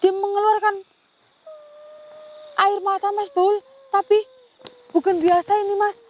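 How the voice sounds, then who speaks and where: A woman's voice: very high voice, level tone, unhurried. A woman narrating a paranormal investigation on location, talking earnestly to a companion and often stopping to pray or exclaim in alarm. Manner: frequently addresses a companion directly. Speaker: ghost-hunting vlogger.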